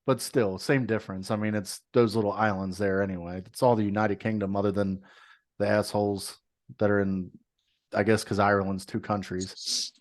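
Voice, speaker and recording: A man's voice: fairly low pitch, flat delivery, normal speed. A man co-hosting a podcast with a slight Texas twang, talking bluntly and profanely in casual chat. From moved to Texas. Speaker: podcast co-host.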